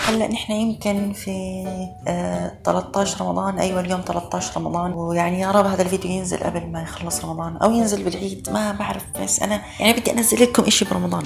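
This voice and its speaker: A high-pitched, gravelly male voice belongs to a young amateur animator and vlogger with a Levantine Arabic accent. He talks casually in a video diary that pokes fun at himself, sometimes dropping into tongue-in-cheek formal Arabic.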